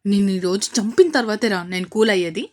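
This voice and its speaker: A man's voice: high voice, fast talker, close to an everyday voice. A woman voicing a hot-tempered, protective young man who scolds his friend and sister. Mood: angry. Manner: scolding, stern.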